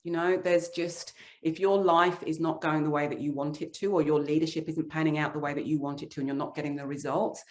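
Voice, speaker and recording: A woman's voice: sits low, level tone, fairly quick, hardly any pauses. Earnest woman telling leadership stories. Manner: earnest, reflective storytelling. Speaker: author and leadership guest. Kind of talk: interview answers.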